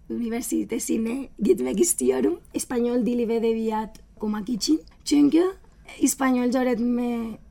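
A woman in her twenties from Spain with a Spanish accent, being interviewed and speaking halting, broken, non-native speech with grammar slips and self-corrections. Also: a little high, dark tone. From Spain, Valencia. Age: 20s. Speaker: interview guest. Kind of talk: personal interview.

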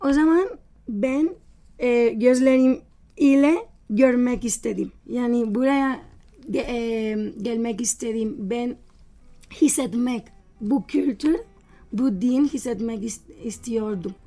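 A woman in her twenties from Spain with a Spanish accent, being interviewed and speaking halting, broken, non-native speech with grammar slips and self-corrections. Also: on the high side, warm tone, faint music behind. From Spain, Valencia. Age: 20s. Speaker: interview guest. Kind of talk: personal interview.

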